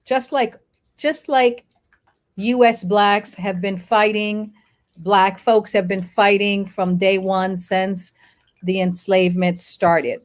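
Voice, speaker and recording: A middle-aged woman with a mid-range voice, born in Haiti and raised in the United States, explains history as an interview guest. A lawyer and activist, she speaks in emphatic, short phrases separated by pauses.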